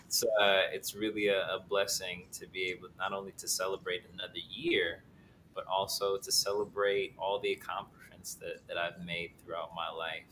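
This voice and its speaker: A man in his thirties answers a host's questions over a remote call. His low voice has a bright, forward edge. He speaks earnestly and reflectively, restarting his phrases often, with a faint hum behind him. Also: level tone, poor audio. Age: 30s. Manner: earnest, reflective, halting with fillers. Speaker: actor guest. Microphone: remote call connection.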